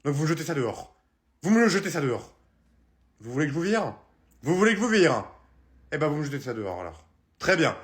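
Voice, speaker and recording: A man's voice: fairly high pitch, big pitch swings, fast, pauses often. A man playing a rude, snappish librarian. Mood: irritated. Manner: curt, snapping orders. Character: cranky male librarian, rude and impatient. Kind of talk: comic sketch acting.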